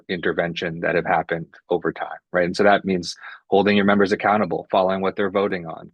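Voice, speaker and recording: A man's voice: low-pitched, no room sound. A man researcher speaking as a panelist in an online discussion, conversational and tagging his points with "right?". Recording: dull, dry webinar audio.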